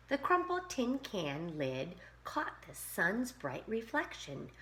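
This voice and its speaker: A woman teacher reading a rhyming picture book aloud to young children in an expressive, sing-song way. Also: lowish voice. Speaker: pre-K teacher.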